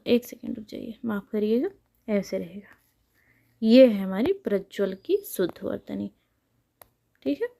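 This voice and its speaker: A woman's voice: on the high side, dark tone. A young woman teaching a spelling lesson for exam preparation, patiently repeating each answer and asking it back to the viewer. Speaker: Hindi exam tutor. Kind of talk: spelling lesson explained while writing.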